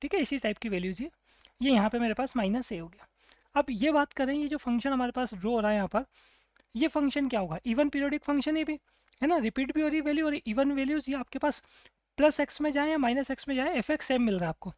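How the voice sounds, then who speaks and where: A woman's voice: high voice, fast talker, a little mellow, no room sound. A woman teaching a math problem, asking the class questions and answering them herself. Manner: asks and answers her own questions, "clear?" checks. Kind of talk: explaining a math problem on a board.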